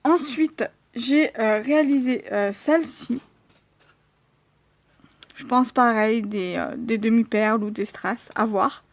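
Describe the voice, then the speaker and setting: A woman's voice: on the high side, slow, no echo. A woman vlogger showing her handmade cards in a casual, hesitant way, with many fillers. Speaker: crafting vlogger.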